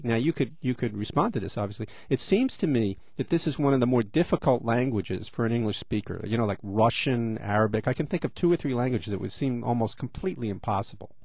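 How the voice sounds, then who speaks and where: A man's voice: mid-range voice, vocal fry, a little mellow, breathy edge, no room sound. A middle-aged man hosting a radio interview, chatty and rambling with many fillers. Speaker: radio host.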